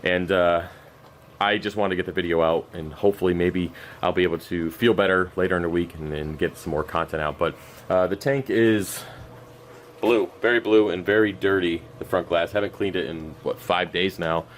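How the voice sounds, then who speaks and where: An exhausted aquarium channel host with a very low, hoarse voice and a scratchy throat is losing his voice as he gives a rambling, unscripted update while tending his cluttered home fish room. He speaks at a normal speed in a steady tone, but his delivery is loose, with many fillers, stops and restarts. A camera mic follows him around and picks up a faint hum underneath.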